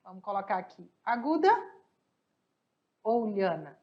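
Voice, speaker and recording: Slow, slightly hoarse Brazilian teacher woman. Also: medium pitch, sing-song, dull audio. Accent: Brazilian Portuguese. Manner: patient, asks questions and answers them herself. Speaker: Spanish teacher. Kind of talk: online class explaining exercises.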